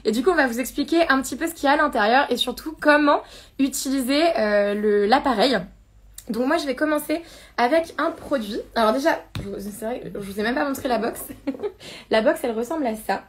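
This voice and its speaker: A woman's voice: sits high, a little fast, slight background noise. A woman hosting a casual live unboxing stream, chatting and giggling as she reads viewer comments aloud. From France.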